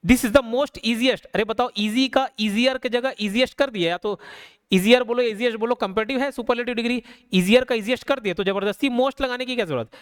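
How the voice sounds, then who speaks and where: A man's voice: extremely high pitch, clean tone, no room sound. Man, teacher, conversational, rhetorical questions, dry close sound. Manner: conversational, asks rhetorical questions, slows to spell out examples. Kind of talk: casual classroom explanation.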